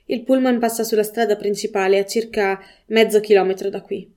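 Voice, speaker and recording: A woman's voice: medium pitch, fairly even intonation, brisk, a little mellow, natural voice. A woman reading the lines of a shaken father, a retired army major, in short stunned replies. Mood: subdued.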